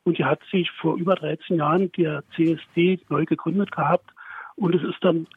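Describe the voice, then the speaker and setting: A man in his fifties with a Berlin accent comes through a tinny phone line, his voice husky and a little higher than most men's. He speaks plainly and at length, often restarting his sentences mid-thought. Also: fairly even intonation, fairly quick, no echo. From Berlin outskirts, Germany. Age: 50s. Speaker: guest, pride association member. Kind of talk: interview over a phone line.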